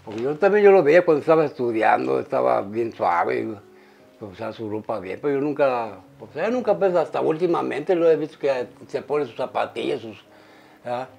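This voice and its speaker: A man's voice: medium pitch, lively intonation, moderate pace, vocal fry, a little mellow, rough recording. An older man, a father being interviewed, giving rambling advice full of restarts and tag questions. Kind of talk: casual family interview.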